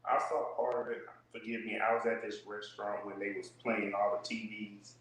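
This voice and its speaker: A man in casual chat, laid-back and halting, heard echoing and far off through a second device on a call. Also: fairly low pitch, little pitch movement, fairly bright tone. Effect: echoing, far-off sound from a second device on a call. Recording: heavy echo, distant call audio.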